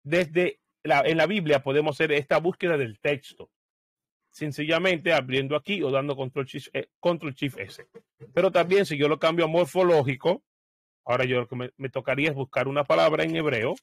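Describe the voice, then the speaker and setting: A man walks viewers through searching Bible software in a relaxed screen-share tutorial. He explains each step as he goes and often pauses on fillers while he thinks aloud. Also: on the high side, no echo.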